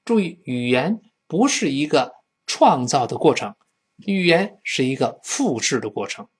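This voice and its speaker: Lively male English teacher, husky voice. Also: medium pitch, a little slow. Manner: lively, acts out dialogue lines in a raised voice. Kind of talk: spoken English lesson.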